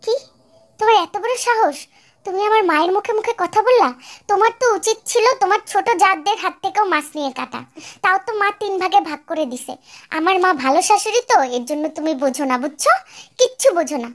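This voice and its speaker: একজন নারী কণ্ঠ দিচ্ছেন এক কড়া তরুণ স্বামীর চরিত্রে, যে বউকে জ্ঞান দেয় আর ধমকায়। গলা খুব উঁচু, সুরে শাসনের ভাব।. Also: female voice, very high-pitched, expressive, fast talker. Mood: lecturing. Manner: scolding, lecturing. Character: stern young husband, elder son. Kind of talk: fan-dub radio drama.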